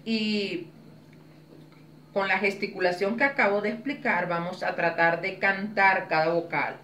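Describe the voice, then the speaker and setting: Expressive woman teaching in an echoey room. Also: mid-range voice, measured pace, recorded from a distance, slight background noise. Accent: Spanish. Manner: expressive, demonstrates vowels and intonation. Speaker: public speaking instructor. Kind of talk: teaching a workshop.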